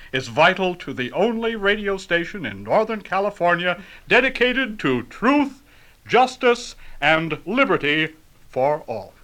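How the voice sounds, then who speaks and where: A man's voice: high voice, pushed and bright, full character voice, low-quality recording. An actor playing an earnest, formal male superhero in a radio comedy sketch, speechifying politely.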